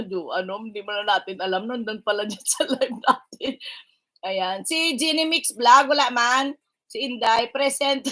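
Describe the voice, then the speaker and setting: A woman's voice: a little high, a bit bright. A woman hosting a casual livestream, teasing and bantering with her viewers and mixing in English phrases. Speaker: livestream vlogger greeting viewers. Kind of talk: casual live-stream chat.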